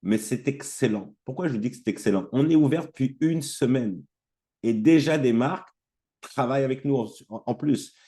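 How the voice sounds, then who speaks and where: A man's voice: mid-range voice, moderate pace, dark tone. A man with a sore throat giving a casual online training presentation, hesitant and full of fillers and restarts. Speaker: trainer presenting an affiliate platform.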